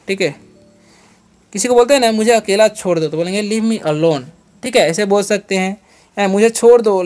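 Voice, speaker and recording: High-voiced man teaching English words. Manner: spells words letter by letter, slows down for English example sentences; repeats each question and answer as a drill. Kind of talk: phonics and vocabulary lesson.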